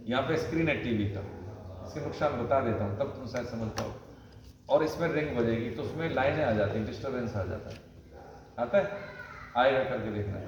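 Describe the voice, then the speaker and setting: A man's voice: medium pitch, dull audio. A man teaching a children's class in casual talk, chatty and often checking that they understand. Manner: chatty, asks frequent check-in questions. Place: temple hall. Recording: echoey hall, far from mic, noise.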